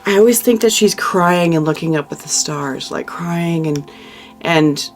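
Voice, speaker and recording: A tarot reader speaks straight to the viewer at a middle pitch, working through the spread aloud. The delivery is heartfelt and consoling, full of restarts and trailing phrases, with faint music underneath. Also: a little slow. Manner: thinks aloud while turning cards, emotional and consoling. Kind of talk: monthly tarot reading, talking to the viewer.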